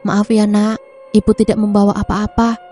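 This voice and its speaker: A woman voicing a poor, gentle mother who apologises softly to her hungry children. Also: mid-range voice, monotone, moderate pace, soft background music, natural voice. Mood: apologetic.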